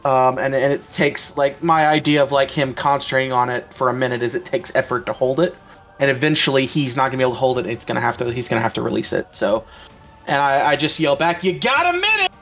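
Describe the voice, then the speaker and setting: A man's voice: mid-range voice, fairly even intonation, fast, a bit bright, faint music behind. A man chatting casually as a player at a tabletop game, rambling with lots of ums and restarts.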